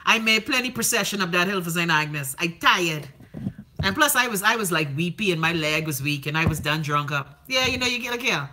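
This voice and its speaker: Reading out viewer comments on her livestream, a Bahamian host tells stories with plenty of sass, animation and profanity. She speaks briskly in a voice on the low side.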